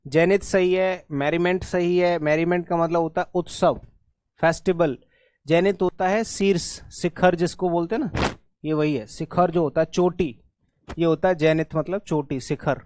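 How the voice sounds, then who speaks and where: A man's voice: a little high, fairly even intonation, moderate pace, a little mellow, a little hiss or hum. Man teaching spelling in Hindi and English. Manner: explains in Hindi mixed with English, checks in often. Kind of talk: exam-prep lesson.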